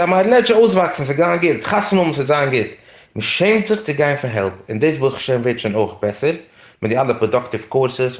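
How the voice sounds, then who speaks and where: A man's voice: mid-range voice, reverberant. A man giving an impassioned monologue about his community, emphatic, mixing German with English words.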